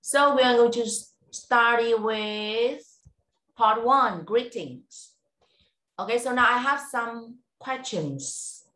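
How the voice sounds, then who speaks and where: Bright-voiced woman teacher on a video call. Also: fairly high pitch. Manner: encouraging, slow and clear, prompts word by word. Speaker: English teacher. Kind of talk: online speaking test. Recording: roomy echo.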